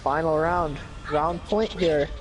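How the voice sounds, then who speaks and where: A man giving live play-by-play commentary on an esports match, with excited calls and joking asides. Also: on the high side, slow pace, music in the background. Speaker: esports caster.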